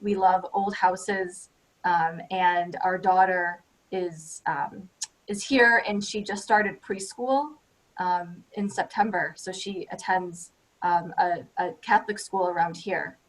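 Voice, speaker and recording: A woman's voice: fairly low pitch, fairly even intonation, takes it slowly, low-quality recording. Friendly woman with many "um" fillers. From United States. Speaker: judicial candidate. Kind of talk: candidate forum answer.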